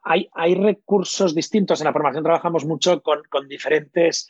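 A man's voice: fairly high pitch, moderate pace, no room sound. A man, a coach who explains his methods thoughtfully in an interview and often hesitates mid-sentence. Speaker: coach and trainer. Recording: dull, lo-fi, dry.

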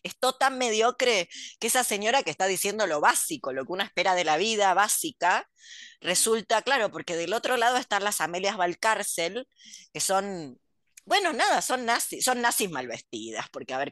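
A woman's voice: mid-range voice, expressive, brisk, a bit bright, no room sound, studio quality. A middle-aged Argentine woman in casual chat, gossipy and ironic, often trailing off into asides. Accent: Argentine Rioplatense Spanish. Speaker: podcast co-host.

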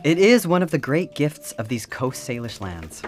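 A woman's voice: very deep voice, very animated, normal speed, faint music behind. A woman playing an earnest archivist in an audio drama, hesitant when pressed. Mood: warm. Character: calm archivist Phe, earnest woman host.

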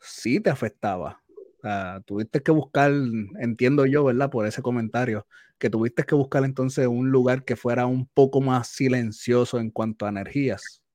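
A man's voice: mid-range voice, moderate pace, a little mellow, dry recording. Guy hosting a podcast, asking guests stuff, dry close sound. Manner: attentive, rephrases what guests say. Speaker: podcast host. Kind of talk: casual interview.

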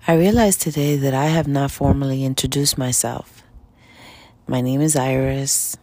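With an extremely low, mellow voice and fairly even intonation, this spiritual self-help vlogger speaks at a moderate pace. Now in her late fifties, she was born in the Dominican Republic and grew up in Washington Heights, New York City, and her New York accent shows as she delivers an informal motivational talk built on emphatic, repeated short phrases.

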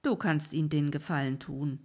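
A woman voicing a calm, kindly old man in a fairy-tale reading, speaking low and unhurried.

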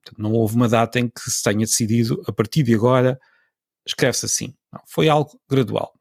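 Male podcast host, European Portuguese accent, husky and gravelly, explanatory and unhurried, dry close-mic sound. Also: medium pitch, darkish tone, no room sound. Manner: thoughtful, explanatory, with hesitations and self-corrections. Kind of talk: solo educational podcast monologue.

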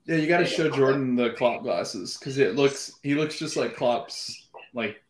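A man's voice: mid-range voice, unhurried, a loud crowd. A man in a casual sports chat, giving loose, rambling opinions with many fillers. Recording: roomy echo.

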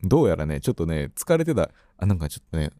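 A man's voice: sits low, big pitch swings, fast talker, warm tone, no echo, clean studio sound. A man hosting a recurring radio corner, telling stories casually and acting out what people said. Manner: storytelling, acts out quotes.

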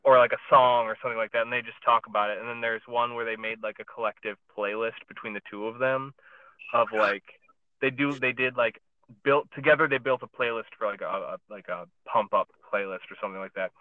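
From his parked car, a male podcast co-host chats casually, rambling with many fillers and restarts. His mid-range voice keeps a steady tone at a brisk pace. The dry recording comes through a phone over a podcast app, giving it a tinny phone-line sound.

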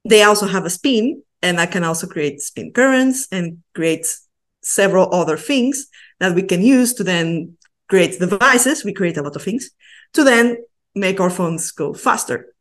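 Lower-voiced woman from Portugal. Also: expressive, measured pace. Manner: thoughtful, explains patiently with small hesitations. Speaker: postdoctoral researcher, guest. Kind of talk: explaining science in an interview.

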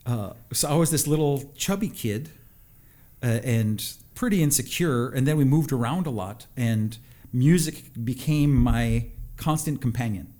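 A middle-aged man, telling personal stories casually in a reflective, halting way. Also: mid-range voice, animated, warm tone. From a North American reservation. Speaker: interview guest, psychologist and musician.

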